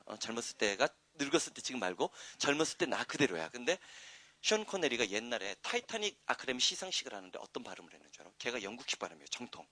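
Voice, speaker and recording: A man teaching an English grammar class, chatty and wandering into asides, then loud and emphatic when he explains the rules. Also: on the low side, no echo. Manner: rambling, chatty asides with frequent "응?" checks. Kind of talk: classroom lecture.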